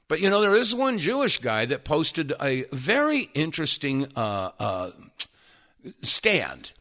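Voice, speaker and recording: A male talk radio host giving commentary, interjecting and pausing clips as he goes. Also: fairly high pitch, wildly swooping pitch, pushed and bright.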